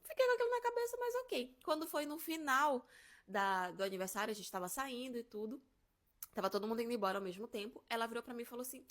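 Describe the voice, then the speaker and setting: Young woman, quick, slightly high voice, lively casual storyteller. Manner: animated, acts out quotes.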